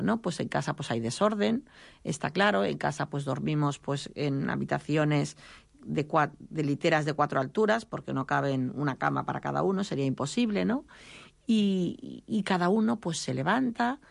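A middle-aged woman, a mother and author telling lively family stories in an interview, briefly mimicking her children in a higher voice. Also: vocal fry, no echo. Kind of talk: interview answer, storytelling.

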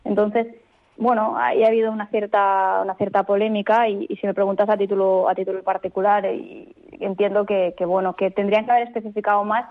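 A woman legal expert speaking as a radio guest, explaining rules in a clear, firm, methodical way. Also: medium pitch, flat delivery, fairly quick. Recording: tinny phone line.

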